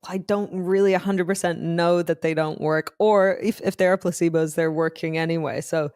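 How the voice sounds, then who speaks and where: A woman's voice: on the low side, fairly even intonation, normal speed, a little mellow, smooth, dry recording, clean studio sound. A woman co-hosting a podcast, chatting in a playful, chatty way. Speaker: podcast host. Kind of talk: casual chat.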